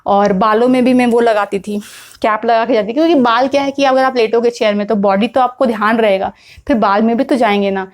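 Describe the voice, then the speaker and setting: A young woman from India talks to camera in a relaxed, chatty vlog, dropping English words in as she goes. Her voice sits a little high, and her delivery is loose and conversational with frequent fillers. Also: brisk. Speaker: vlogger. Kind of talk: casual talking-to-camera vlog.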